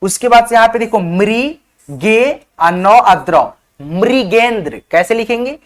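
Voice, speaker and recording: A man's voice: sits high, measured pace. A man teaching a beginners' spelling lesson, sounding out words letter by letter, often checking in with "theek hai" and calling viewers his friends. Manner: addresses viewers as friends, asks them to comment. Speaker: online teacher.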